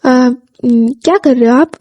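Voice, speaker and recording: Storybook: a woman doing a shy, polite young lady, hesitant, high and mellow. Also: takes it slowly. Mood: gentle.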